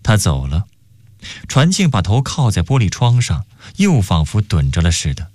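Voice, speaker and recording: Expressive low-voiced man reading a story. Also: normal speed, no room sound. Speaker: radio story reader. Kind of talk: scripted narration. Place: radio studio.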